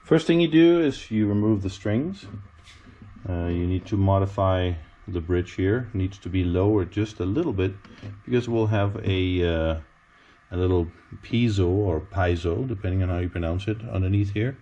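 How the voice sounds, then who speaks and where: A man with a fairly low voice walks through a guitar repair step by step. He talks in a casual, unhurried way, pausing on ums and uhs as he explains each part. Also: warm tone, dull audio. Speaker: guitarist showing a pickup install. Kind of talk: step-by-step DIY tutorial.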